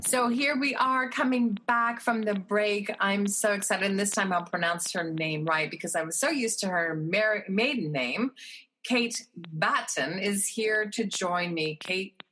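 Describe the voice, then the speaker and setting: A woman's voice: medium pitch, measured pace, a bit bright, a little hiss or hum, rough recording. A woman hosting a talk radio show, chatting effusively with her guest and using filler words.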